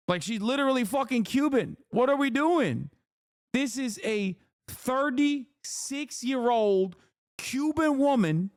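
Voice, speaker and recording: A man's voice: very high voice, dry recording, clean studio sound. Profane, ranting male streamer. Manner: profane, incredulous rants. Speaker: livestream host. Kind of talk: casual streaming commentary.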